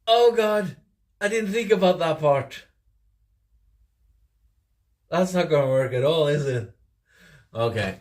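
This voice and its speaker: A Norwegian livestream host in his forties chats casually with his viewers, rambling, restarting often and laughing. His Norwegian-accented voice is fairly high and slightly mellow, with lively intonation, a slow pace and long pauses.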